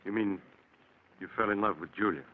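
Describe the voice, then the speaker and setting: An actor in an old-time radio drama playing a calm, understanding doctor with a composed, philosophical manner. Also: male voice, lowish voice, fairly quick, lightly acted. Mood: calm, sympathetic. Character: calm, understanding male doctor hearing a confession. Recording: tinny, muffled old radio recording.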